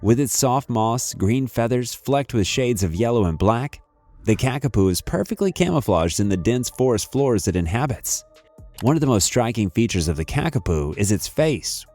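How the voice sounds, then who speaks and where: A man's voice: medium pitch, big pitch swings, moderate pace, a little mellow, soft background music. A man reading scripted nature documentary narration.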